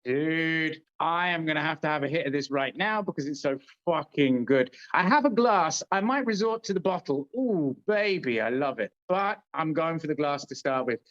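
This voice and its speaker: A rowdy British man hosts a casual chat, joking crudely, his pitch swooping up and down. The sound is dull and lo-fi. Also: animated, normal speed, few pauses, fairly bright tone. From Britain. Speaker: show host.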